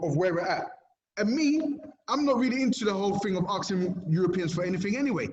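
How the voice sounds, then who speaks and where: A man, a community activist, giving impassioned interview answers and pressing his points with repeated tag questions like "okay?". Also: sits high. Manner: emphatic, keeps asking "okay?" and "right?". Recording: roomy, dull lo-fi recording.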